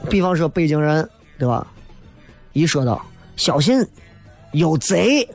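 On the high side and very animated, this man speaks a little slowly with some vocal fry while faint music plays. He hosts a comedy show from Xi'an, Shaanxi, China, and in his Shaanxi accent he jokes colloquially about the local dialect and urban life, using mimicry for comic effect.

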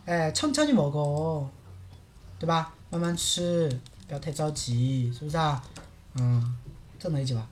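A woman teaching in a livestream lesson, lively and full of rhetorical checks with her viewers. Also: low voice, a little fast. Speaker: Korean language teacher.

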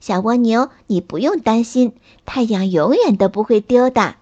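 A gentle lily flower with a raised, sweet voice, like a caring big sister, as a woman puts her on. She talks in a bright, encouraging way in a bedtime story. The recording sounds a bit dull. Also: fairly high pitch, animated, moderate pace. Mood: reassuring.

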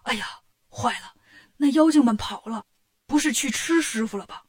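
A woman voicing a worried, steady monk disciple in a children's story. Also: fairly high pitch, normal speed.

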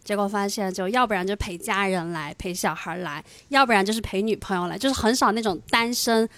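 A woman's voice: medium pitch, a little fast, a bit bright, no room sound. A woman co-hosting a casual podcast, telling a story and acting out the dialogue with animation. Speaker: podcast co-host.

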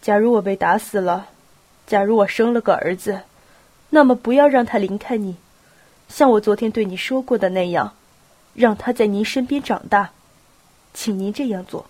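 A woman with a cold voicing a calm, restrained young prince speaking respectfully to his father. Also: medium pitch, voice pushed down, close to an everyday voice. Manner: quiet, measured, respectful. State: has a cold.

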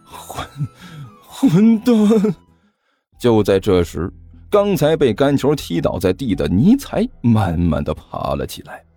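A man, narrating a comic audiobook in a lively storytelling manner. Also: lowish voice, soft background music. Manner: lively storytelling, slow delivery.

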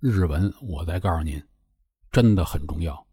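Man, middle-aged, low mellow voice, dry close sound, wry chatty host. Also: lively intonation, moderate pace, breathy edge, no echo. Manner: chatty, wry storyteller addressing listeners politely. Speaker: podcast host. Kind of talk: casual solo chat.

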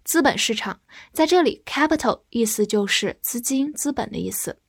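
A woman whose first language is Chinese, teaching English vocabulary, patiently spelling words letter by letter and leading slow read-alongs. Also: a little high, lively intonation, creaky, husky, no room sound, studio quality.

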